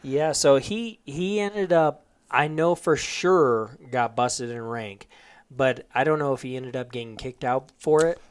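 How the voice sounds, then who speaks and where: A man's voice: medium pitch, a little slow, clean tone. A man hosting a podcast, telling stories in a casual, rambling way with swearing and laughter. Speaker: podcast host. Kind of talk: casual chat.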